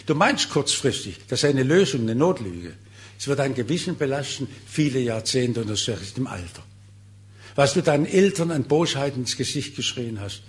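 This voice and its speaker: An older man preaching a sermon, earnest and exhorting, with his voice swinging from quiet asides to emphatic, high-pitched peaks and slowing when he reads scripture. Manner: earnest, exhorting, voice rising and falling sharply; slows down when reading scripture.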